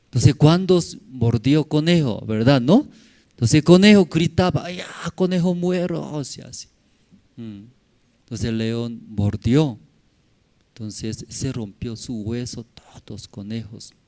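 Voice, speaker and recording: Slow-preaching pastor, Spanish. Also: male voice, medium pitch, a little mellow. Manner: halting non-native Spanish, tag questions to the congregation. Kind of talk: sermon. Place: church in La Paz.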